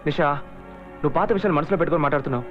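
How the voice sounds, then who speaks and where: An actor dubbing an earnest young hero, talking in an urgent, pleading way. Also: male voice, on the high side, rapid-fire, natural voice. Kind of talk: dubbed film dialogue. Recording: muffled film audio with music.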